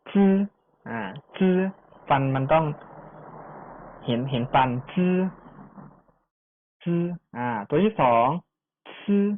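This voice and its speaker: Language teacher doing slow pronunciation drills, repeats every syllable, thin phone-like audio. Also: mid-range voice, animated, slight background noise. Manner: drills syllables by repeating them, with chatty asides. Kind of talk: online pronunciation lesson. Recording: tinny phone-like sound.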